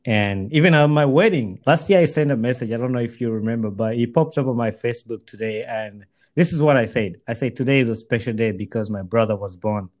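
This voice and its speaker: A man's voice: medium pitch, a little fast, few pauses, a little mellow. Earnest man chatting casually with a friend. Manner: earnest, repeats phrases as he builds a point. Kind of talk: casual heartfelt chat between friends.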